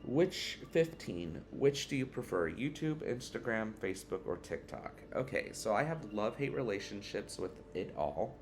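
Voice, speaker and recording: A tired man answering tag questions in a relaxed, rambling casual chat at home, yawning now and then. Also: fairly low pitch, moderate pace, hardly any pauses, a little hiss or hum. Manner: relaxed, rambling, with fillers and restarts. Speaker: witchcraft vlogger answering a tag. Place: one-bedroom apartment.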